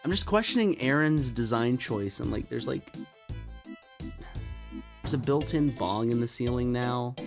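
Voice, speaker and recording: A man's voice: medium pitch, lively intonation, unhurried, creaky, pauses often, faint music behind. A man co-hosting a gaming channel, telling absurd stories in a hesitant, stammering way. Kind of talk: improvised banter while gaming.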